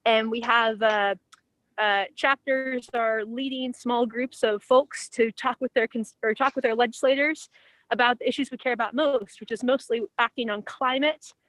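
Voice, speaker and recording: Woman coordinator, fairly high pitch, dry close sound, friendly explainer. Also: steady tone, normal speed, a bit bright, no echo, poor audio. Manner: friendly, informative. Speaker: nonprofit coordinator. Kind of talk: casual explanation.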